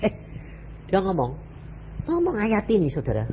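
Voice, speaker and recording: A male evangelist with a Javanese-inflected Indonesian accent preaches a lively sermon. His voice sits fairly high and swings widely in pitch as he fires questions at the congregation. The recording is dull and lo-fi, with faint room ambience. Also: normal speed, a little hiss or hum. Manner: animated, questions the congregation and mixes in Javanese phrases.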